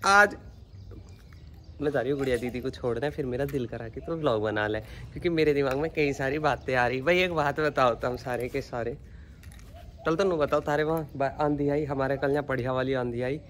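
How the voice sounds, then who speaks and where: A woman's voice: extremely low pitch, moderate pace. A woman with a Haryanvi accent chatting casually to her viewers in a vlog, calling them brother. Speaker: vlogger.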